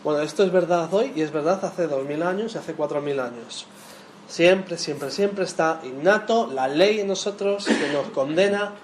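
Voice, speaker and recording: A man leads a Bible study in a chatty, questioning way, often tagging his sentences to check in with the group. His voice sits fairly high. It rings through an echoey indoor room with faint noise behind it. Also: normal speed. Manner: conversational, quizzing the audience with tag questions. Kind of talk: interactive Bible lesson.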